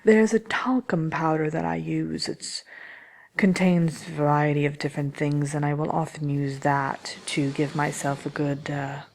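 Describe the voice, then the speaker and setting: A woman playing a haughty, grumpy fairy-tale witch in soft-spoken ASMR roleplay, answering questions as a host in a dry, unhurried, condescending manner. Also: deep voice, gravelly, exaggerated voice.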